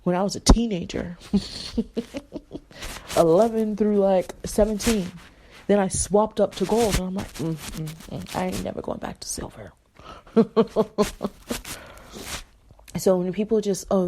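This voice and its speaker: A young woman talks through a casual solo podcast, her voice low-pitched and mellow. She drifts between stories and asides, checking in with rhetorical questions. A faint hiss sits under the recording. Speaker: podcast host.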